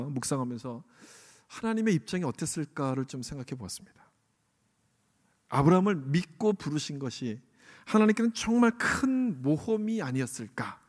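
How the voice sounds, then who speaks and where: Man, middle-aged, pastor, sermon, high-pitched, long church reverb, asks the congregation questions. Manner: asks the congregation questions and acts out quoted inner voices. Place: church sanctuary.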